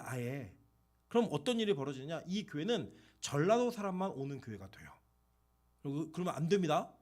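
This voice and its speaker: Male pastor, sermon, higher-pitched, very lively and questioning delivery. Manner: animated, conversational preaching with rhetorical questions and acted-out quotes.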